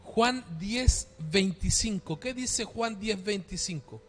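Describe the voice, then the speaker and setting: In church, a pastor preaches a dynamic sermon to his congregation, posing rhetorical questions and calling out for amens. His voice is high-pitched and expressive, and he takes his time. Soft music plays in the background.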